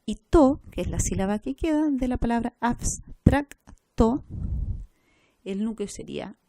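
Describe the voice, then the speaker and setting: A woman teaches a recorded class, going through each point step by step. Her voice is warm and mellow. The sound is dry and close, with no room echo. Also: fairly high pitch, expressive, unhurried. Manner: explains step by step, checks with "¿ya?".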